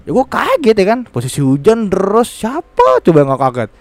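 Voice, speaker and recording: A man from Central Java telling a ghost story in casual chat, animated and acting out what people said. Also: sits high, normal speed. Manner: animated, acts out quoted lines.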